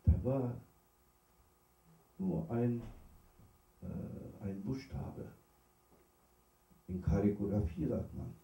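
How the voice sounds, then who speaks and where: A man, a Sufi sheikh who is not a native speaker, tells stories in an unhurried, pausing sermon and laughs at his own jokes. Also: on the low side, mellow. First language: not German. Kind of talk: sermon with storytelling. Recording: roomy hall, distant mic.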